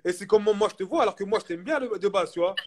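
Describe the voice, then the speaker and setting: A young man chatting casually as a guest, telling a story in animated street slang and repeating himself for emphasis. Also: high-pitched, racing. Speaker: guest, basketball player.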